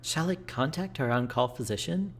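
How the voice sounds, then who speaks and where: A man's voice: mid-range voice, animated, moderate pace. A man voicing a polite, formal, procedural clinic attendant in a game. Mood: businesslike.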